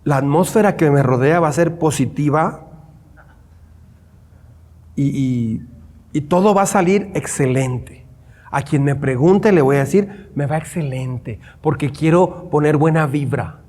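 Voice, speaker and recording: A man putting on a discouraged man who mutters a half-hearted prayer in a low, hesitant voice, in a church hall with a long echo. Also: measured pace, a little mellow. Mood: glum.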